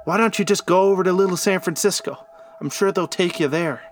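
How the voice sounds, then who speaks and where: A man's voice: high voice, fairly quick, slight background noise, pitched above the performer's own voice, natural voice. A man voicing a stern female innkeeper who talks curtly and bossily. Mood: angry yelling. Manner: curt, bossy.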